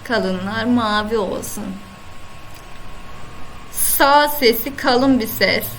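A woman with a Turkish accent gives a recorded online lesson through her computer mic. She speaks slowly in a fairly high voice, repeating each sound with patient care, and a faint noise hums under her. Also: poor audio. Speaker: Arabic teacher. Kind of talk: online lesson, screen-share.

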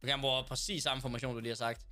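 Danish guy streaming a footy game, bright voice, swears at the game a lot. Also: medium pitch, little pitch movement, faint music behind. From Denmark. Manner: blurts, swears, complains at the game. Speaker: gaming streamer. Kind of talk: casual live-stream chat while playing.

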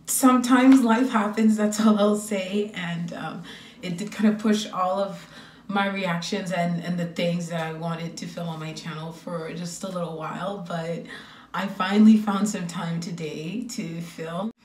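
A woman's voice: on the low side, steady tone, unhurried, darkish tone, echoey room, distant mic, slight background noise. A young woman YouTuber ranting bluntly and laughing as she gives her honest opinion in a casual vlog. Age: young adult. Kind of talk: casual rant video.

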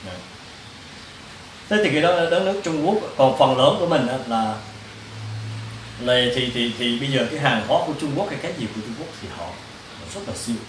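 Speaking in a mid-range voice with lively intonation, a Buddhist monk gives a rambling, repetitive, casual dharma lecture to monastic students, often turning questions on them. He talks fairly quickly but leaves long pauses; the distant mic gives a roomy sound and faint hiss.

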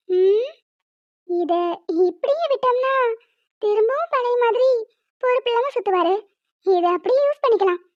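A woman's voice: very high-pitched, no room sound. A woman voicing a scheming, playful young cartoon wife who coaxes and teases her husband in a cutesy way. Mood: sly. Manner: sly and coaxing, cutesy. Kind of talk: cartoon voice dubbing. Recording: dull dry lo-fi sound.

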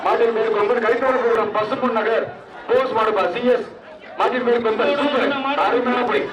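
A man announcing a live outdoor event over a loudspeaker public address, mixing excited cheering with formal honorific announcements. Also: very high voice, a little fast, dull audio. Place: outdoor arena with crowd. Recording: echoey loudspeaker heard from far off in a crowd.

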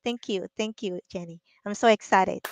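A woman's voice: mid-range voice, normal speed, no echo. A woman in her thirties from the Dominican Republic, a marketing consultant guest speaking earnestly and encouragingly over a headset mic on a video call from home. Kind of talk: casual interview talk. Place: room at home, indoors.

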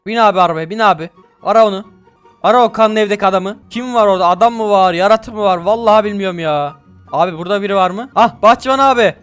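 A man giving excitable, slangy gameplay commentary, talking both to his viewers and to the game characters. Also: high-pitched. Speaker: gaming YouTuber.

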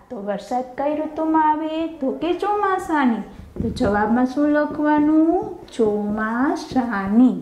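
A woman's voice: sits high, darkish tone, reverberant, poor audio. A woman teacher with a Gujarati accent giving a lesson to young children, asking questions and answering them herself, drawing out the answer words in dictation. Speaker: primary school teacher.

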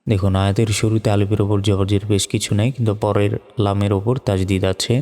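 Talking fast in a lowish, mellow voice with flat delivery, a man teaches Quran reading with a Bangladeshi Bengali accent, breaking down every letter and vowel mark syllable by syllable, then chanting the words. Faint music plays in a reverberant hall.

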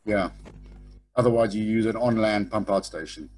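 A middle-aged man teaches a sailing class online through his webcam, direct and informal, often tagging "okay?" onto what he says. His lowish voice is a little mellow and moves at a moderate pace, with faint music behind it.

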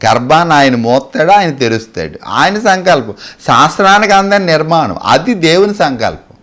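A male preacher, preaching a sermon as animated storytelling, asking the congregation rhetorical questions and acting out the characters' dialogue. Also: fairly high pitch. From Andhra Pradesh, India.

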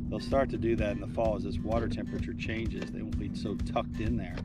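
A middle-aged fishing guide who hosts his own channel talks to an action camera while fishing from a boat on a lake. His delivery is flat and a little fast, yet enthusiastic and chatty, like a salesman pitching products, full of fillers, all over loud music.

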